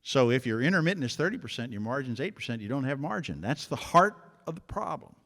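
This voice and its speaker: A man's voice: medium pitch, sing-song, quick pace, fairly bright tone. An older man giving a folksy campaign stump speech as a political candidate, building to a rallying finish. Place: large event hall. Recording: long reverb of a big hall.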